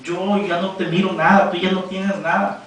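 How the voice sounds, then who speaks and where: A preacher voicing a patient father in a story, speaking calmly and reassuringly. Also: sits high, normal speed, recorded from a distance, a little hiss or hum. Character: patient, faithful father reassuring his daughter. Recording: echoey church room from afar.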